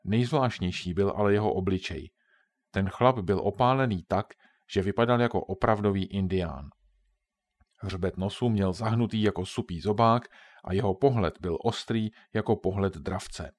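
A man with a low, steady voice narrating a children's storybook. His reading is calm and measured, scripted audiobook narration without fuss.

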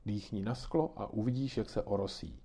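A man's voice: lowish voice, husky. A man voicing patient kindly grandmother. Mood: patiently explaining. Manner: patient, gently explaining. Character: kindly grandmother explaining weather to children.

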